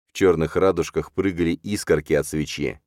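A man narrating a dark fantasy audiobook in a measured, hushed storytelling manner. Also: very deep voice, fairly even intonation, dry recording, studio quality.

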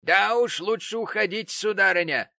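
Мужчина-чтец озвучивает негодующую старую сиделку, напыщенную и сварливую, голос визгливый и бранчливый. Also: male voice, normal speed, creaky, sharp tone, dry recording, exaggerated voice. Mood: indignant. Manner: shrill, scolding. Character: indignant old woman nurse, pompous and quarrelsome.

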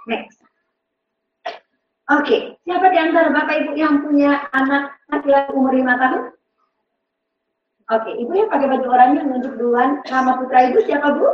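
A woman with a high voice and a slight hiss or hum runs an interactive parenting seminar, quizzing the audience and acting out the voices of both parents and children. She is in a large seminar hall with an audience, and the recording sounds very echoey, distant and dull.

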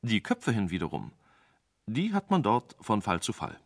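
A man's voice: fairly low pitch, wildly swooping pitch, moderate pace, no room sound, studio quality, exaggerated voice. A man voicing a cautious second wise man telling a strange tale to a king in a radio play.

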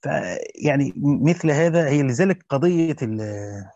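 A man's voice: mid-range voice, expressive, unhurried, mellow, no room sound. A man reading a classical commentary aloud to students and adding brief spoken asides. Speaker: teacher reading a Quran commentary. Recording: dry dull lo-fi recording.

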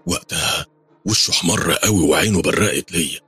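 A male storyteller with an Egyptian accent narrates a first-person horror tale. His voice is low and husky, delivered fast with lively pitch, in dry, close sound. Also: no room sound, faint music behind. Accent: Egyptian Arabic.

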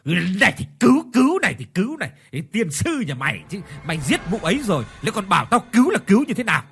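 A violent older village father spits curses in a loud, rising bark, as a male storyteller puts him on. Quiet music plays underneath. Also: high voice, sing-song, quick pace, slightly rough, pitched above the performer's own voice, heavily acted. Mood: furious. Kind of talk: storytelling with acted voices.

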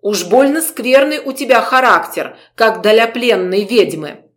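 A woman's voice: mid-range voice, moderate pace, a bit bright, close to an everyday voice. A woman reading the part of a haughty, stern vampire housemistress who speaks in cold, clipped commands.

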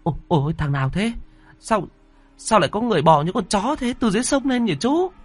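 A man voicing a frightened older woman market seller who stammers in shrill panic. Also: expressive, a little fast, dry recording. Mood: terrified.

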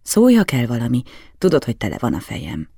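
A man's voice: medium pitch, huge pitch swings, gravelly, warm tone, breathy edge, no room sound, clean studio sound, full character voice. A man voicing an anxious, kindly older male scholar, agitated and pleading, in an audiobook. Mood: caring. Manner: agitated, self-reproaching, pleading. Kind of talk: audiobook character reading.

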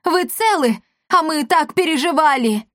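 Woman doing a spirited young heroine, very high and urgent, dry storybook read. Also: animated, a little slow, no room sound. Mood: relieved.

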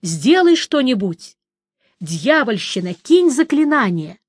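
Brief: a hardened male witcher read by a woman, loud and urgent, set a little high. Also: sing-song, a little slow, breathy edge, no echo, exaggerated voice. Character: hardened male witcher hanging from a collapsing bridge.

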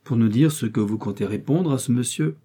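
A man's voice: medium pitch, fairly quick, warm tone, breathy edge, natural voice. A man voicing a mischievous young man who talks in a laughing, playful way. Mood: teasing.

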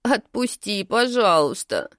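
A woman's voice: low voice, big pitch swings, unhurried, no echo, clean studio sound. A woman voicing a rude, whiny twelve-year-old girl in a storybook reading, snapping and whining.

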